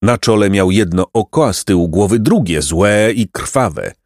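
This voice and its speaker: A man narrating a children's storybook in an expressive, dramatic way. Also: fairly low pitch, normal speed, dry recording, studio quality. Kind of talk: storybook reading.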